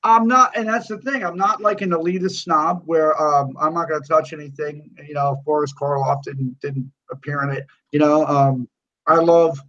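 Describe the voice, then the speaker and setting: A man co-hosting a casual podcast chat, animated and given to swearing rants. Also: a little high. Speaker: podcast co-host. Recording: dull lo-fi sound.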